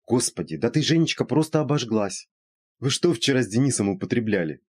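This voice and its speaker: A man's voice: medium pitch, lively intonation, fairly quick, a little mellow, husky, voice pushed up. A man voicing a skeptical, teasing female friend. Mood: lecturing.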